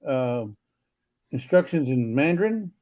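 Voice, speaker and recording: A man's voice: medium pitch, lively intonation, unhurried, crowd noise. Man explaining gear with fillers. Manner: explains with fillers, laughs easily. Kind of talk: casual live chat.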